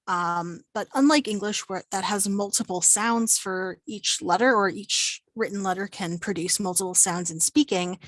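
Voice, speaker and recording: A woman gives an online class, explaining step by step in an unscripted way, often pausing with ums and restarting her phrases. Her voice sits in a middle pitch. The recording is dry and close, with no room echo. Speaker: Latin teacher. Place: home, virtual presentation.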